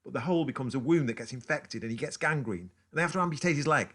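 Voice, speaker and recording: This is a London man in a stage drama, played by an actor, telling his partner a meandering story. His voice is husky and sits at a middling pitch. He wanders off track and comes back to the story as he talks. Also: very fast, a bit bright. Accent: London English. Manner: rambling, distracted storyteller. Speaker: actor in a two-hander play. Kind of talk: naturalistic stage drama dialogue.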